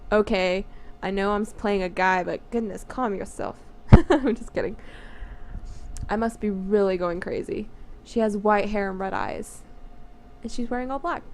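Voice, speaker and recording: Her voice is medium-pitched and darkish, moving at a moderate pace as the nineteen-year-old woman reads a visual novel aloud. She's playful and giggly, tossing in casual asides and wandering off topic, and background noise fills her home setup.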